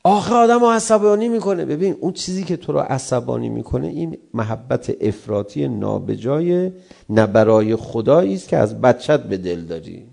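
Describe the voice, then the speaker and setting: A middle-aged cleric delivers a sermon in a gravelly voice. His tone is dark and mellow, and he acts out quarrelling spouses in raised voices to make his points. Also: mid-range voice, lively intonation.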